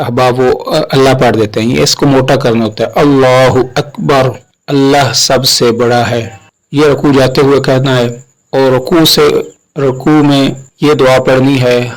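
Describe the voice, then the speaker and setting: A man teaching a religious lesson, translating prayer word by word and repeating them slowly so listeners can memorize them. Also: mid-range voice, low-quality recording. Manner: slow, deliberate, repeats phrases for memorizing.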